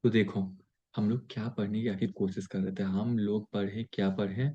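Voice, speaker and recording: A man's voice: lowish voice, flat delivery, moderate pace, dark tone. A man teaching an online grammar lesson who explains by asking his students repeated questions. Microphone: webcam or built-in mic. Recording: lo-fi dull sound.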